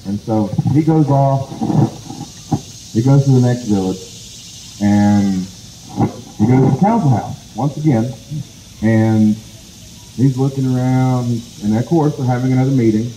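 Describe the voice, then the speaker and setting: A man from the Cherokee Nation telling a traditional folk tale in a casual, conversational, animated way at an outdoor event. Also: mid-range voice, unhurried, long pauses, roomy sound, a little hiss or hum, rough recording. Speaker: storyteller. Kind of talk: oral folk storytelling. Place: outdoor heritage day event.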